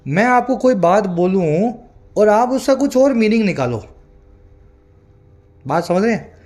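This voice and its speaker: A man teaching English vocabulary in a Hindi lesson, explaining each word patiently, often asking if the viewer follows, and reading English example sentences slowly. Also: sits high, lively intonation, a little mellow. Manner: asks the viewer often whether they follow. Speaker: English tutor.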